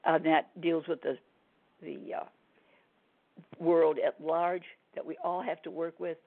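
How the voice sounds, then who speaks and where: A woman speaks with a gravelly, smoker-like rasp, her voice hoarse and strained. She talks in a plain, folksy, reassuring way, like a numerologist chatting on the radio. The sound is narrow and thin, as if down a telephone line. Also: deep voice, little pitch movement, slow pace. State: strained, hoarse from throat trouble. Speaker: numerologist guest on a radio show. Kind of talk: casual radio forecast chat.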